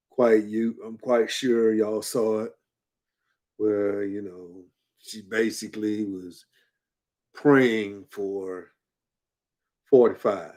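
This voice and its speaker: A man's voice: fairly low pitch, a little mellow. A man giving casual spoken commentary, emphatic and colloquial, repeating points for effect. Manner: colloquial, drops verbs and uses double negatives.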